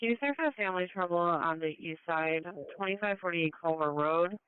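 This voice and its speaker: A woman dispatching emergency units with a very clean, smooth voice. The sound is dry and thin, like a radio channel. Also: fairly low pitch, normal speed, no echo, phone-quality sound.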